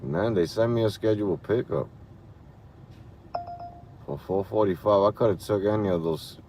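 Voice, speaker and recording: A weary man with a very low, deep voice talks half to himself while driving, slangy and muttering. He sounds tired. Faint car noise hums underneath him. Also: normal speed, vocal fry, a little mellow. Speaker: rideshare driver streaming live. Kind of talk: casual live-stream chat. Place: inside a car at night.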